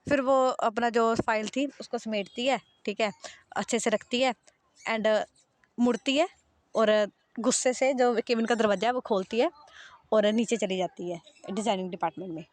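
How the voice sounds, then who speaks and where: A woman's voice: a little high, normal speed, no echo. A young woman narrating a love story in a casual, chatty way, often stopping to recap. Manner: chatty, recaps with "theek hai" and "matlab".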